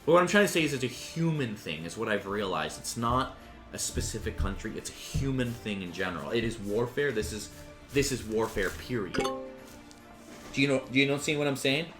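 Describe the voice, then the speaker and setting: A man's voice: mid-range voice, lively intonation, brisk. Male gaming commentator, loose and profane, roomy room sound with faint background music. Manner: profane, rambling, restarts sentences. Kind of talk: casual rambling commentary.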